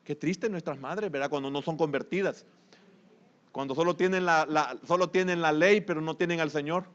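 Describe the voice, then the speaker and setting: A man with a Salvadoran Spanish accent preaching a sermon as pastor, moving between hushed asides and loud rising exhortation. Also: fairly high pitch, fairly even intonation, moderate pace, dull audio.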